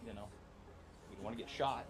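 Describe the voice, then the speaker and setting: A man acts out a police officer on the witness stand in an improvised courtroom game. His voice is fairly low, and he explains things informally, with halting pauses. Loud music plays behind him. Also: close to an everyday voice. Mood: hesitant, explaining. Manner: hesitant, informal, pausing to find words. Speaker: role-player. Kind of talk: improvised courtroom role-play testimony.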